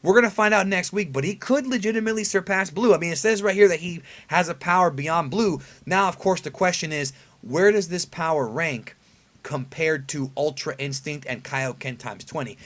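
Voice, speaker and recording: A man's voice: on the high side, normal speed, fairly bright tone. A man hosting casual, conversational fan commentary on an anime episode preview, emphatic and given to rhetorical questions. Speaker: anime review video host.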